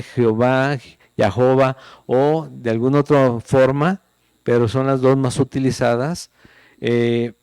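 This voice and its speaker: A middle-aged pastor preaching in a relaxed, conversational way, reading scripture aloud and checking in with his listeners. His voice is mellow and warm at a middle pitch. The sound is dry and close. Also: smooth, no room sound. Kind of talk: sermon.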